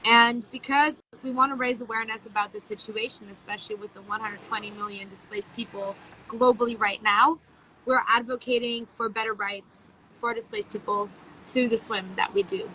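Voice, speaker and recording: A woman's voice: on the high side, fairly even intonation, normal speed, sharp tone, poor audio. A woman interviewer from a sports charity, talking outdoors by the sea in an upbeat, explanatory way. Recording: faint outdoor noise by the sea.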